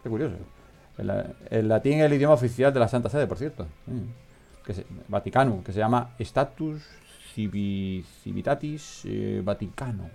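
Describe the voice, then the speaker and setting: A man's voice: mid-range voice, moderate pace, a little mellow, faint music behind. A man hosting a casual comedic radio chat, rambling and joking and often trailing off mid-sentence. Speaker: podcast host.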